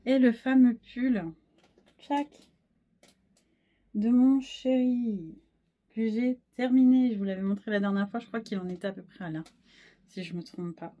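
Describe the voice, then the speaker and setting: A woman's voice: medium pitch, steady tone, normal speed, muffled recording. Scatterbrained woman chatting about her knits. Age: 30s. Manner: scattered, self-deprecating, many fillers and restarts. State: a bit hoarse, frog in the throat. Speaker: wool dyer and knitting podcaster. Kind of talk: casual knitting vlog chat.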